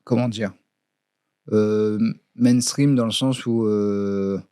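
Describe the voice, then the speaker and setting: On a studio podcast mic with dry, close, echo-free sound, a male co-host chats casually but hesitantly, filling gaps with fillers and restarting often. His voice is on the low side, steady, slow, dark and smooth.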